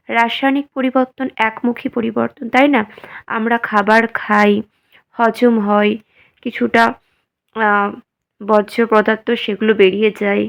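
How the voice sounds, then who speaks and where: A woman teacher who is feeling unwell explains a science lesson slowly and simply, asking her students questions and answering them herself. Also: a little high, vocal fry, lo-fi sound. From West Bengal, India. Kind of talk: slow, simple classroom explanation.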